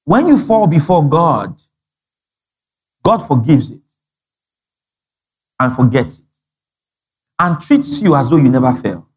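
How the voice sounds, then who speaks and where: A man's voice: a little high, takes it slowly, pauses often, husky. A man preaching a sermon, telling stories with acted-out dialogue and frequent laughter. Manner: animated storytelling, acting out dialogue, frequent laughter. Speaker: pastor.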